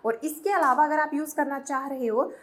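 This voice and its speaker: Switching back and forth between Hindi and English, a woman with a high, slightly bright voice runs a fairly quick lesson on English idioms for Hindi speakers. She takes care to spell words out patiently, one letter at a time.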